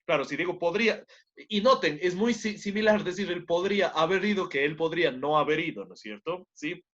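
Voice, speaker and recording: A male teacher with a slightly high, very lively voice, explaining and constantly asking his class questions to check that they follow. The sound is dull and lo-fi, as if captured through the audio of an online class. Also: fairly quick.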